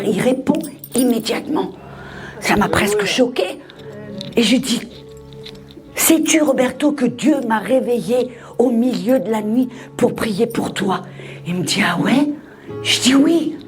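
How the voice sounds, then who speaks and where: A woman preacher telling a testimony in a sermon, dramatic, dropping to a hush and rising to shouts. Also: mid-range voice. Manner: dramatic storytelling, swings from hushed to shouting.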